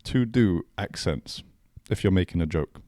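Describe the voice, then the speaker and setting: Low-pitched, expressive and mellow, a man co-hosts a podcast chat at a measured pace. He keeps laughing, restarts sentences after stumbling, and speaks in slang.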